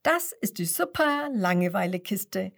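A woman voicing a gentle, playful mother in a children's storybook reading. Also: mid-range voice, very animated, measured pace, gravelly, heavily acted.

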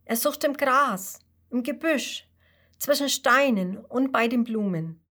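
A woman narrating a children's story in a slow, gentle way. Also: high voice. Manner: slow and gentle, with lively voices.

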